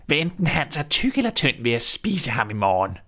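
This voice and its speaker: Male reader doing a shrill, sly old storybook witch, impatient and scolding. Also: very animated, pushed and bright. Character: cruel old female witch, child-eating.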